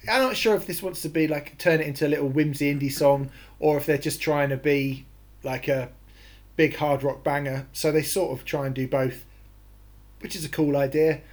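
A man co-hosting a music podcast, talking in a relaxed, rambling way with the odd swear. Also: fairly high pitch, normal speed. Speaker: podcast co-host. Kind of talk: casual music review chat.

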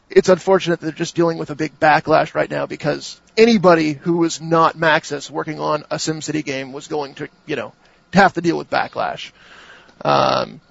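A man hosts a laid-back gaming podcast in a fairly high, gravelly voice, often stopping and restarting his thoughts. The sound is dry and slightly dull. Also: no echo. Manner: hesitant, many restarts and fillers. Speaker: podcast host. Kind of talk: casual gaming podcast chat.

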